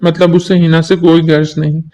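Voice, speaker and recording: Guy reading a moral story out loud, steady and even, kinda high voice. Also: moderate pace. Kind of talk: scripted story narration.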